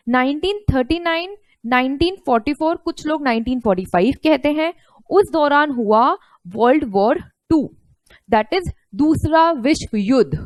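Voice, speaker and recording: Woman teacher, high voice, slow and patient, asks and answers her own questions. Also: no echo. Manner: explains step by step, asks and answers her own questions, mixes Hindi and English. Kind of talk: online lecture.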